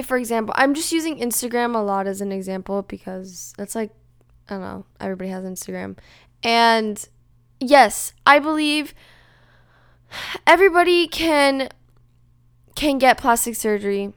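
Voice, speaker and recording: A young adult woman with a high-pitched Valley Girl voice, chatting casually as a solo podcast host and peppering her talk with filler words. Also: smooth, no echo, studio quality.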